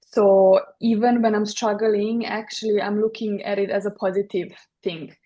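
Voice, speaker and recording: A woman's voice: medium pitch, flat delivery, normal speed, dark tone. A woman in her thirties from Serbia with a Serbian accent, talking as a podcast guest about her work, with many fillers and restarts. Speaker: guest, interior designer. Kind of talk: podcast interview.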